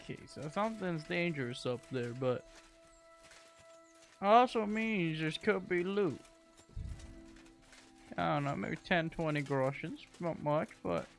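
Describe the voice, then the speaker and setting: A man's voice: fairly high pitch, creaky. A man giving casual, offhand commentary while playing a video game.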